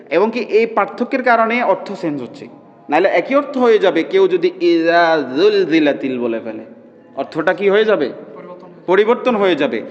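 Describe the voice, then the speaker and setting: Male recitation teacher, high voice, stretches demo sounds and checks comprehension. Reverberant, muffled hall recording. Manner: keeps checking the class understands, drawls demonstration sounds slowly. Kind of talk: classroom pronunciation lesson. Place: classroom with students.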